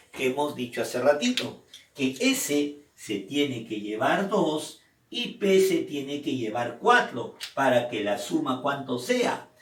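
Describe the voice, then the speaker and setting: A male chemistry teacher walks through a problem slowly, posing questions to himself and then answering them. His voice sits fairly high for a man. It sounds like an echoey room, with the mic set back from him. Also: far from the mic. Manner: explains step by step, asks and answers his own questions. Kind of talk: recorded chemistry lesson.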